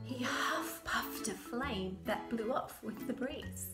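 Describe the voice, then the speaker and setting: A woman author reads her own children's storybook aloud with dramatic, playful expression. Her voice is on the high side and slow. The recording has a roomy echo, with music behind her.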